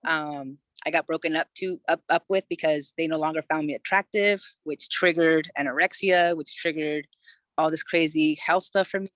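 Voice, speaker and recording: Deep and fairly bright, her voice keeps a fairly even intonation at a normal speed, with no echo in the clip. She's a woman in her thirties from California, guesting on a podcast and recounting her own experiences in a loose, candid way, with lots of "you know" fillers and casual cursing.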